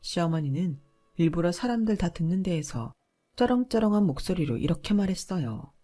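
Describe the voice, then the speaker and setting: Woman narrating a story calmly. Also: on the low side, brisk. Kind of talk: first-person story narration.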